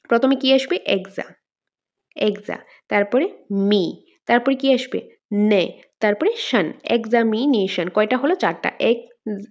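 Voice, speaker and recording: A woman's voice: a little high, darkish tone, lo-fi sound. A woman teacher giving an exam-prep lesson, sounding words out syllable by syllable and asking and answering her own questions.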